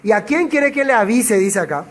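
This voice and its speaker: A man's voice: high voice, lively intonation, normal speed, a little hiss or hum. A man teaching a Bible passage verse by verse, who asks rhetorical questions and answers them himself. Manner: acts out quoted dialogue in changed voices.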